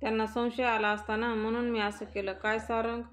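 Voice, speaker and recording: A woman's voice: fairly high pitch, level tone, a little fast, lightly acted. A woman voicing a scheming young daughter-in-law who coaxes and plots in a story recap. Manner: plotting, coaxing.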